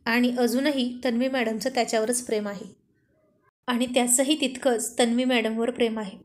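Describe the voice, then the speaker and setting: A woman's voice: a little high, fairly even intonation, moderate pace, natural voice. A woman reading a story aloud and voicing a cheeky, loyal young male assistant who teases his boss in a playful way. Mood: earnest. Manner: playful, teasing.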